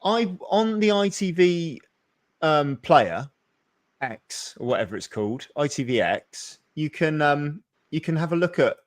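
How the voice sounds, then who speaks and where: A man in his thirties or forties hosts a live webinar interview over a video call, his voice a little high and a little slow with lively intonation. The sound is clean and studio-like with no echo. He's enthusiastic and talkative, rambling at length with many restarts in a casual, conversational interview.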